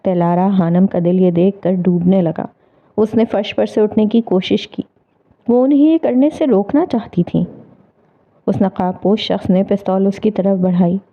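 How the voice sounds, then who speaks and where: A woman narrating a dramatic novel in a measured, expressive storytelling manner. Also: medium pitch. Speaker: audiobook narrator. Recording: tinny phone-like audio.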